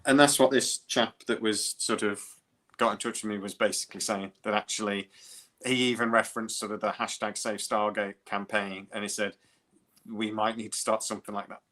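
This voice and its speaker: A British man hosts a podcast in an animated, chatty way, his voice going hoarse after a long talk. His tone is bright and forceful, with a firm edge. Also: fairly low pitch, fairly quick. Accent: British English. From United Kingdom. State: hoarse from talking. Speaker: podcast host. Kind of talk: casual chat.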